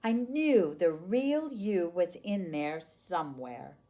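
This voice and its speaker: A woman voicing a kind, sprightly old woman in a children's storybook, sweet and gently reassuring. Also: lowish voice, expressive, takes it slowly. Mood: knowing, pleased. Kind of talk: children's storybook read-aloud.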